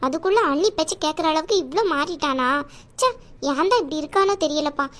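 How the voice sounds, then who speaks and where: A very high-voiced younger sister. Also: female voice, lively intonation, fast talker, fairly bright tone. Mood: protesting. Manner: protesting, pleading. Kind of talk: animated cartoon voice acting.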